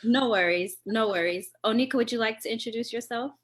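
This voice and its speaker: A woman's voice: a little high, fairly quick. A woman moderating a virtual panel over a video call, politely guiding the speakers.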